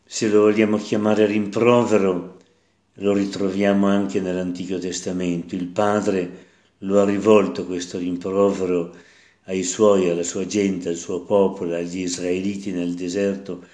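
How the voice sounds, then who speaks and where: A man preaching as a priest, reading a Gospel passage and reflecting on it slowly, repeating phrases for emphasis. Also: low-pitched, flat delivery, dark tone, reverberant.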